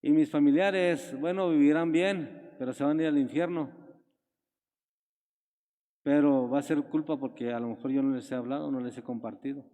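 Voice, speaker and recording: A man's voice: fairly even intonation, moderate pace, mellow, in a large hall. A man preaching a sermon in a church, telling a Bible story and acting out the voices in it. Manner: storytelling, acting out Bible scenes with raised pitch.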